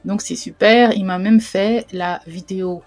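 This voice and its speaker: A woman's voice: medium pitch, steady tone, a little slow, a little mellow, soft background music. A woman hosting a casual screen-share tutorial, chatty and hesitant with lots of fillers and self-deprecating asides. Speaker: YouTube host demoing a website.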